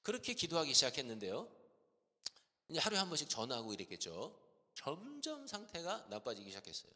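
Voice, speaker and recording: A middle-aged man preaches a storytelling sermon in a church sanctuary. His voice is bright and ringing, and his pitch swings widely as he acts out his stories. A long hall reverb trails after every phrase. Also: huge pitch swings, fairly quick. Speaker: guest pastor preaching.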